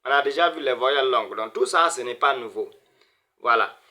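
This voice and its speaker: A man's voice: mid-range voice, a little fast, sharp tone. A man teaching a beginner Arabic reading lesson, sounding out words syllable by syllable and repeating them. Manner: greets viewers as brothers and sisters.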